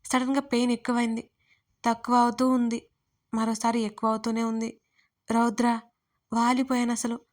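Woman storyteller with a slightly high, level delivery, reading a heartfelt first-person story. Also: little pitch movement, moderate pace, pauses often, a little mellow. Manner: emotional storytelling, voicing all characters herself. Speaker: writer and narrator.

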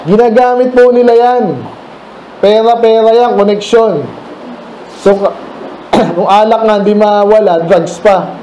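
A man's voice: sits high, fairly even intonation, unhurried, pauses often, warm tone, echoey room, highs cut off, a little hiss or hum. A Filipino man preaching a midweek Bible study sermon, talking conversationally and asking the congregation questions. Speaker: pastor. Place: church room.

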